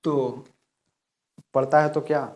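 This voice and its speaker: At the board, a man teaching physics walks through the material patiently, repeating the key terms. He speaks slowly in a slightly high, darkish voice with a flat delivery, and he becomes fainter as he turns away to write.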